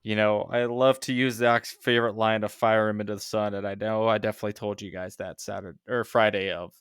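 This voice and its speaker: A man's voice: on the low side, level tone, fairly quick, fairly bright tone, clear, resonant tone, no echo, clean studio sound. A man co-hosting a casual sports podcast, rambling through his points with lots of fillers and a sarcastic edge. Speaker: podcast co-host.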